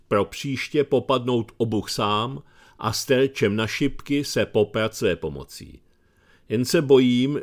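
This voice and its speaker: A middle-aged man with a Czech accent, reading his commentary aloud in a dry, sardonic tone. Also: medium pitch.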